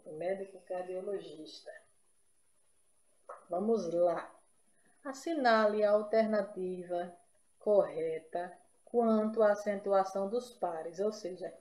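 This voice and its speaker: A woman's voice: mid-range voice, warm tone, echoey room. A woman from Brazil teaching an exam-prep grammar lesson, explaining step by step and checking in with her listeners.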